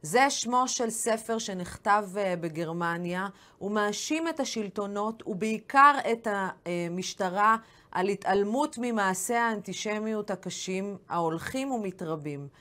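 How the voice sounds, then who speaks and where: A woman, hosting a TV interview, brisk and hesitating often between phrases. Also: medium pitch, lively intonation, pushed and bright.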